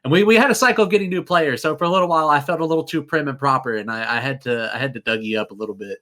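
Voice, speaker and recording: A man's voice: medium pitch, very fast, fairly bright tone. A man with a Kentucky accent, chatting casually, often laughing and stammering as he starts his sentences. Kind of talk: casual chat.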